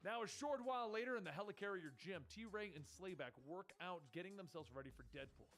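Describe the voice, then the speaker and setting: Guy narrating a story recap, high voice, super lively, fast. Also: faint music behind. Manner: quick, animated storytelling.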